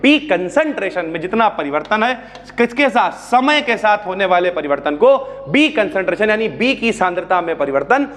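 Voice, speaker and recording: High-voiced chatty chemistry teacher. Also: male voice, big pitch swings, moderate pace, fairly bright tone. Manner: chatty, calls students brother, asks and answers own questions. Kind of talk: classroom lecture. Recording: long hall reverb.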